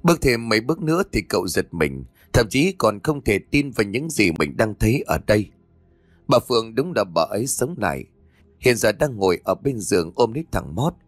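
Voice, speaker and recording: Low-voiced man narrating a ghost story. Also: sing-song, normal speed, dry recording. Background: faint background music.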